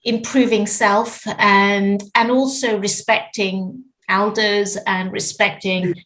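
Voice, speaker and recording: A middle-aged woman from Zimbabwe, a lawyer giving thoughtful, measured answers as a podcast guest, often restarting her phrases. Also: medium pitch, level tone, a bit bright, low-quality recording. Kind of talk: reflective interview answers.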